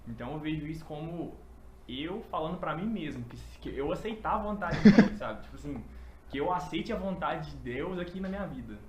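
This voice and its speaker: A man's voice: fairly high pitch, lively intonation, a little fast, a little mellow, poor audio. A man with a Brazilian accent, a participant in a study group, shares his view hesitantly and thinks aloud with fillers.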